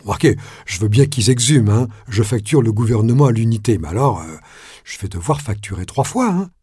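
A man's voice: on the low side, animated, fairly quick, darkish tone, breathy edge, no echo, studio quality. A man voicing a casual, scheming businessman who wheedles and keeps tagging phrases with fillers. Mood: breezy. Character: offhand, scheming middle-aged male businessman.

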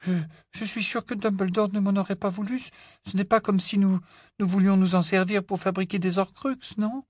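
A man's voice: on the high side, lively intonation, normal speed, no echo, clean studio sound, voice pushed up. A man voicing an anxious, studious teenage girl witch who stammers and pleads. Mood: flustered.

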